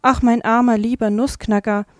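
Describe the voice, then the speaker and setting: A woman's voice: medium pitch, steady tone, normal speed, mellow, no echo, clean studio sound, lightly acted. A woman voicing a tender, tearful little girl who pleads in a raised voice. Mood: upset.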